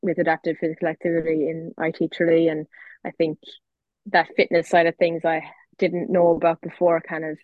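Woman, west of Ireland accent, interview guest. Fairly flat delivery, hesitant and self-correcting, close dry sound. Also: deep voice, brisk, no echo. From County Clare, west of Ireland. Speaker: guest, Gaelic footballer and athlete. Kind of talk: casual interview chat. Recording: dull lo-fi audio with little room.

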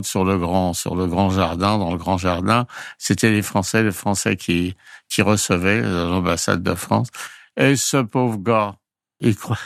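A man's voice: on the low side, dry recording, clean studio sound. An older man, a retired flight crew member, casually telling anecdotes in a rambling way, often chuckling and restarting his sentences.

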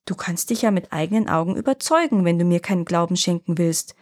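A woman voicing a sly, poor old grandfather who flatters and feigns offense. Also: fairly low pitch, fast, lightly acted. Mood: mock-offended. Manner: wheedling and flattering, then mock-offended.

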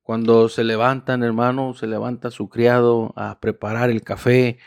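Male preacher, fervent sermon delivery, mid-pitched voice, dry close recording. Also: little pitch movement, creaky, darkish tone, dry recording. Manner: fervent, repeating "aleluya" and "hermano" between phrases; slows down to stress key words.

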